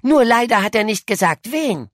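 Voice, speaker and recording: A woman's voice: on the high side, sing-song, normal speed, no room sound, clean studio sound. Woman voicing Oskar, a boastful know-it-all boy. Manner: eager, self-assured storytelling. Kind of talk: audiobook dialogue reading.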